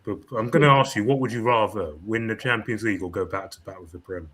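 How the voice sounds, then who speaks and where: A man's voice: lowish voice, fast talker, a crowd in the background. A man on an online football panel, speaking emphatically and repeating his points. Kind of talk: casual football chat.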